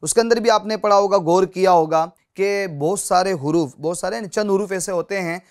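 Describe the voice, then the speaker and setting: A man with a high, clear, resonant voice teaches Quran reading in a spoken lesson. He patiently repeats each example slowly, addresses viewers directly, asks them to read along, and often says "theek hai" between points.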